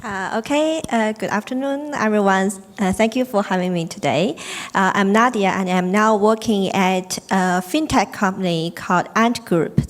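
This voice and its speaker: Woman on a panel, polite, measured, lots of uhs. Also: medium pitch. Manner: polite, measured, many fillers. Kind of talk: panel self-introduction.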